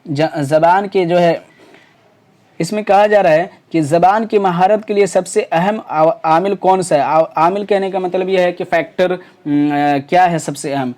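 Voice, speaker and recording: A man's voice: high voice, a little mellow. A man teaching exam preparation in Urdu. He works through past paper questions option by option, with many fillers, restarts and rhetorical questions.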